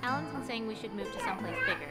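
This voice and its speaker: An actress playing a friendly young woman in a survivor group in a video game, welcoming and brisk. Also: a little high, very animated, music in the background.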